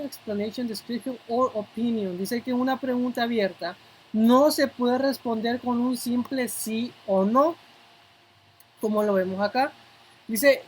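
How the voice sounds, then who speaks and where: A woman as an English teacher, explaining grammar step by step and repeating example words slowly for pronunciation. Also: fairly high pitch, a little hiss or hum, rough recording. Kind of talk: classroom-style language lesson.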